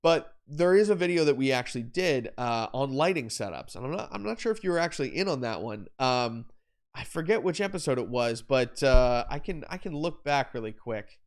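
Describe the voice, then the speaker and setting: A young adult man hosting a live photography Q&A stream explains lighting setups at a fairly quick pace. His voice is medium-pitched with big pitch swings, and his explanations ramble, correct themselves, and are full of fillers and repeated words.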